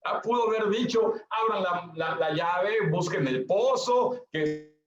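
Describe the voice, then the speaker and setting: High-voiced pastor in an echoey hall. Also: male voice, takes it slowly. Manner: emphatic repetition, addresses listeners directly. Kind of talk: sermon. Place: church hall. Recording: echoey, dull lo-fi church recording.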